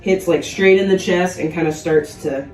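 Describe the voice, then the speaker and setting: A woman playing a tabletop game, unhurried, laughing often and describing her actions loosely. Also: on the low side, darkish tone, echoey room, far from the mic, faint music behind, low-quality recording. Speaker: player.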